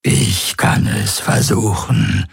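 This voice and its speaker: A man voicing a male alien telepath who murmurs slowly in a whisper-like voice. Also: lowish voice, vocal fry, husky, dry recording, studio quality, voice pushed up, full character voice. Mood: murmuring. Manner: slow, murmuring.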